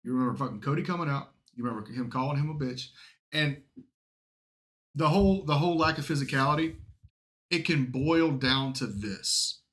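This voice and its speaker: A man's voice: medium pitch, lively intonation, moderate pace, a bit bright. A man chatting casually as a podcast co-host, blunt and opinionated, with plenty of profanity.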